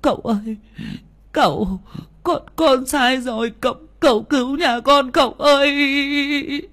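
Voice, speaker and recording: A woman's voice: high voice, measured pace, a bit bright, voice pushed up. A man voicing a frightened village woman who begs and pleads. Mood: pleading. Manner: trembling, begging.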